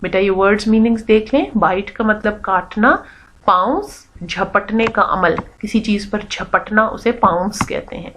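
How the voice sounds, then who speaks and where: Woman teacher explaining a story slowly. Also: medium pitch, steady tone, fairly bright tone, a little hiss or hum, low-quality recording. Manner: reads English lines slowly, then explains them in Urdu. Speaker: English teacher. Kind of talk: reading a story aloud and explaining it to pupils.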